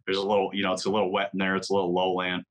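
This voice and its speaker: Low-voiced man telling a hunting story. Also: completely flat delivery, racing, poor audio. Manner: vivid storyteller, many "like"s, mimics deer calls. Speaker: podcast guest, hunter. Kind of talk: casual storytelling.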